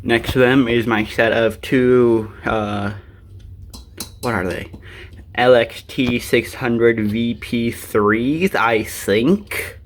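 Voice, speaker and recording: At home by his desk, a man shows off his radio collection in a casual, unscripted way, speaking extremely slowly in a mid-range voice with fairly even intonation. He rambles offhandedly and mutters asides to himself. It's a clearly noisy amateur recording.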